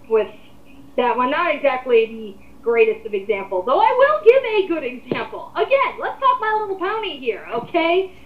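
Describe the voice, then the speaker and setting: Her voice sits a little high, and the audio is narrow and tinny with an echoey room around it. She is a woman in her 20s who hosts a casual group discussion, where she gives blunt, rambling, emphatic opinions as opinionated commentary.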